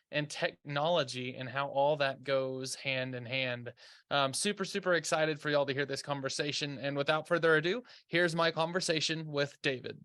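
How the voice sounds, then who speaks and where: A man's voice: a little high, sharp tone. A man hosting a podcast, upbeat and welcoming. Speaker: podcast host.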